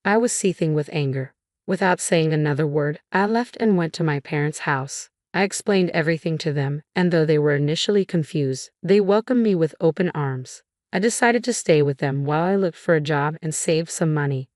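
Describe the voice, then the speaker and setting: A woman reading a first-person family drama story in an even, measured way. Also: sits low, dry recording, studio quality. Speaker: narrator.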